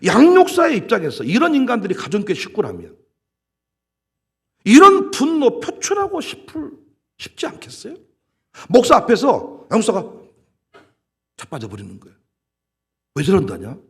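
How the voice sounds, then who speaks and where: A male senior pastor preaching a sermon in an animated, emphatic way, acting out scenes as he goes. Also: extremely high pitch, normal speed, creaky, long pauses, slightly rough. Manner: animated, emphatic, dramatizes with quoted voices.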